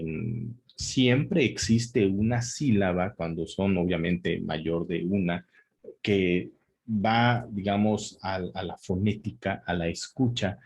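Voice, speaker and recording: A man with a fairly low, darkish, slightly rough voice gives a spelling lesson, explaining it on the spot. He hesitates a lot, restarts often, fills gaps with fillers and checks in with "¿sale?".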